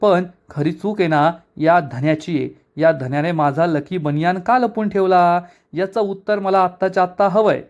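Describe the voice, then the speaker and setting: A man's voice: high voice, normal speed, few pauses, a little mellow, lo-fi sound. A man reading as a taunting young mechanic. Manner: taunting, mocking. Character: boastful young male garage mechanic, quarrelsome.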